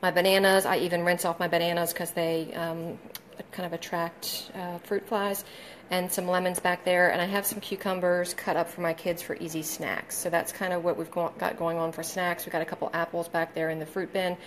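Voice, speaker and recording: A woman's voice: lowish voice, little pitch movement, fairly quick, a little hiss or hum. A woman in her forties, chatty and full of ums, talking viewers through her meal prep in a home kitchen on a handheld phone. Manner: chatty, friendly, many ums, talks to viewers. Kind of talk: casual live video walkthrough. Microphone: phone held in hand.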